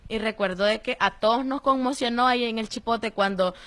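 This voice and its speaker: A young woman with a Nicaraguan accent giving a personal testimony in an interview, telling her story in a lively way and acting out the voices of the people she quotes. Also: on the high side, brisk. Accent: Nicaraguan Spanish. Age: young adult. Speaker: interviewee, former detainee.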